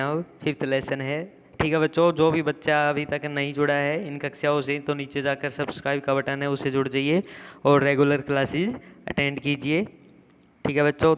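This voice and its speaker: A man teaching a class lesson to young children, reading the story aloud slowly and deliberately. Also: fairly high pitch, clean tone, muffled recording. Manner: slow, deliberate storybook reading with frequent "theek hai bachchon". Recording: echoey room with faint background noise.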